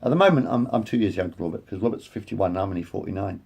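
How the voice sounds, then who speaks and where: Speaking very fast and expressively into his phone's front camera, a vlogger in his late forties delivers a casual, meandering monologue full of repetitions and self-corrections. His deep voice is gravelly, husky, and a little mellow.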